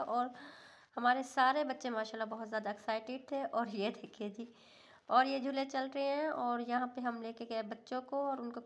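A woman's voice: fairly high pitch, a little hiss or hum. A woman vlogger narrating a family day out in a chatty, affectionate voice-over. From Pakistan.

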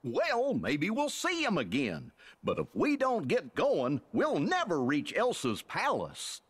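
A man's voice: high-pitched, huge pitch swings, takes it slowly, breathy edge, heavily acted. A man voicing a good-natured, gangly cartoon dog with a goofy, gulping, throaty drawl and a folksy, simple way of talking in a game. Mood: friendly. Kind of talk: video game cutscene acting.

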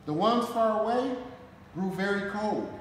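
A firefighter in his forties from Detroit, United States, performs a children's story from a picture book in his American accent, deliberate and dramatic with emphatic phrasing and lively intonation in a high-pitched voice. He's indoors in the fire station garage with its concrete floor; a camera a short distance away records echoing sound and noticeable background noise.

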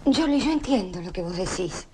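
A woman's voice: mid-range voice, lively intonation, normal speed, mellow, close to an everyday voice. An actress playing a stubborn, patriotic working-class mother with a Rioplatense Argentine accent, talking in an emotional, insistent way. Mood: wistful. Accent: Rioplatense Argentine Spanish. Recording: 1980s film soundtrack, faint hiss.

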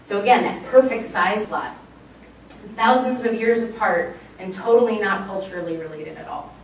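A woman's voice: medium pitch, moderate pace, slight background noise. Woman, archaeology lecturer, chatty, enthusiastic, very echoey room, distant mic. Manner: chatty and enthusiastic, many fillers. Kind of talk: public slide lecture. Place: lecture room, recorded from far off.

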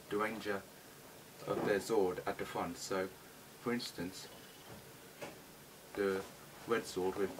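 Low-voiced British man unboxing toys. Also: recorded from a distance. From Britain. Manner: chatty, eager toy-collector enthusiasm. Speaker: toy reviewer. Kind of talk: casual unboxing commentary. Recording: noisy home recording with clicks.

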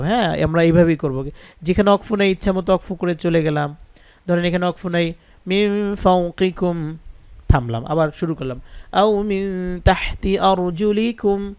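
Man teaching quran reading, spells everything out slow, smooth clear voice, dry close sound. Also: fairly high pitch, darkish tone, dry recording. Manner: slow, patient, spells out letters and vowel marks one by one. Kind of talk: spelled-out Quran recitation lesson. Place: indoors, rain audible outside.

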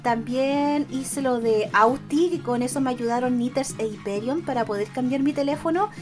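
Young Chilean woman streamer, high voice, giggly and chatty, soft music under her. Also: normal speed. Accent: Chilean Spanish. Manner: giggly, greets chat by name, swears casually. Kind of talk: casual live-stream chat.

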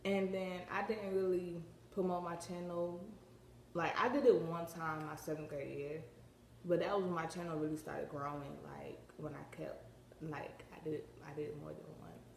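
Teen girl vlogger, low-pitched, rambling slangy delivery, slight retainer lisp, echoey room. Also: flat delivery, moderate pace, creaky, slight background noise. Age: teens. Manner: rambling, slangy, many filler words. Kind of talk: casual vlog chat.

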